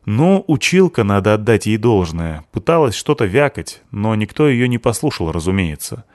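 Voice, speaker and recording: A man's voice: on the low side, big pitch swings, moderate pace, no room sound, studio quality. A man voicing a sarcastic teenage girl. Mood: bitter. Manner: bitter, sarcastic. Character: sullen sharp-tongued teenage girl, seventeen.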